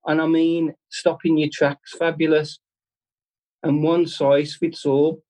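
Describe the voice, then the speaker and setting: A man giving an informal devotional talk at a church service, speaking earnestly and conversationally with halting restarts. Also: a little high, level tone, darkish tone, poor audio.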